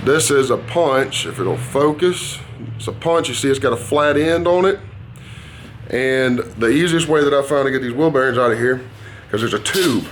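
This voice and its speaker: A man with a folksy Southern hillbilly drawl talks at length in a casual how-to manner. He rambles along at a middling pitch. The recording has some background noise from the workshop around him. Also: normal speed. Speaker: motorcycle painter and builder presenting a how-to. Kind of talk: casual hands-on tutorial talk. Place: dingy workshop. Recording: noisy workshop ambience.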